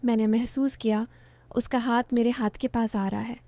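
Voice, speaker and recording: A young woman narrating a first-person romantic story in a soft, confiding, intimate way. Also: fairly high pitch, steady tone, moderate pace, dry recording. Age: young adult.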